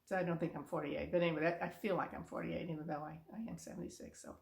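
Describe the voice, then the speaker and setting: A woman's voice: low-pitched, fairly even intonation, rapid-fire, vocal fry, a little mellow, roomy sound. A woman in her seventies giving casual, earnest encouragement to camera in a rambling, heartfelt way. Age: 70s. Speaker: vlogger. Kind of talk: casual motivational talk to camera.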